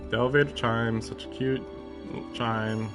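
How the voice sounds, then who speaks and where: In an unhurried, steady mid-range voice with music in the background, a man live-streams a visual novel. He reads it out in a mock-dramatic manner and veers into sarcastic, occasionally profane asides, blending live commentary with dramatic reading.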